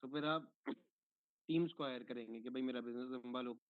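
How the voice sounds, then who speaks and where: Heard through a tinny phone-like connection, a man teaching an online course patiently answers a student's questions one step at a time and checks in after each point. His voice is medium-pitched at normal speed, with no room sound.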